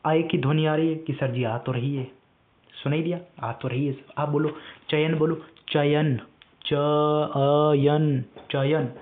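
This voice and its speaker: Slow, drilling male teacher on tinny audio. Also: on the high side, steady tone. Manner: repetitive call-and-response drilling, addresses students directly. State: strained, weak voice. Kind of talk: online classroom lesson.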